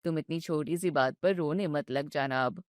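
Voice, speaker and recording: A woman doing a low, soothing young husband. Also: moderate pace, darkish tone, dry recording, clean studio sound, lightly acted. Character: young husband, calm peacemaker between wife and mother.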